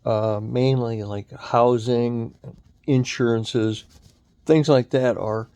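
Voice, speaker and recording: An older man in his sixties or beyond delivers a halting, emphatic back-in-my-day rant as an old-timer complaining about modern times. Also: mid-range voice, steady tone, warm tone, clear, resonant tone, no room sound. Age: 60s or older. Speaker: video channel host. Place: inside a moving car while driving.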